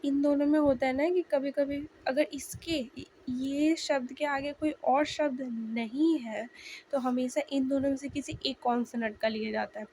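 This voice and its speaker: Slightly hoarse woman teaching casually. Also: sits high, fairly even intonation, mellow, low-quality recording. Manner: chatty, addresses viewers directly, sounds out letters slowly. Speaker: language learner sharing notes. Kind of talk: casual video lesson.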